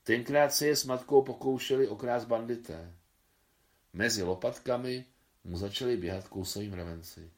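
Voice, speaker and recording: A man reading a short story aloud in a steady storytelling manner, now and then correcting a slip. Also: mid-range voice. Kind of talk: scripted story narration.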